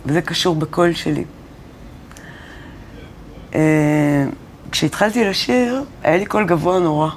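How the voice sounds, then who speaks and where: A woman's voice: deep voice, pauses often, a little hiss or hum. A woman singer-songwriter telling stories in a casual interview, acting out the dialogue she quotes. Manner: animated storyteller who acts out quoted dialogue. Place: college studio or classroom.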